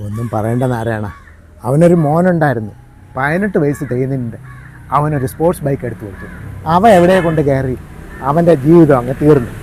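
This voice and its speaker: An actor playing a gossiping village elder in a comedy skit, telling a story in a chatty way. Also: male voice, mid-range voice, animated, brisk, a little mellow, slight background noise, close to an everyday voice.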